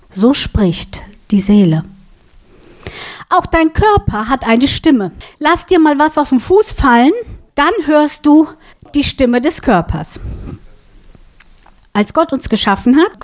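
A woman preaching a sermon, teaching with a prop and asking her listeners questions. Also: on the high side. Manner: asks the audience questions, lively.

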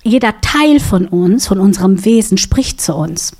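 Woman, preacher, sermon, slow delivery, asks audience questions. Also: mid-range voice, lively intonation, warm tone. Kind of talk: sermon teaching with props.

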